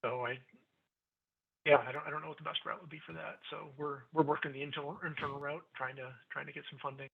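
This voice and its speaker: Guy on a breaking-up remote call, voice cutting out, husky and flat, sounds far off. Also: fairly high pitch, quick pace. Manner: hesitant, repeats words. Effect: cutting-out call audio, dropping words. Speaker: workshop panelist. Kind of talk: casual remote meeting answer. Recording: choppy tinny call line, distant.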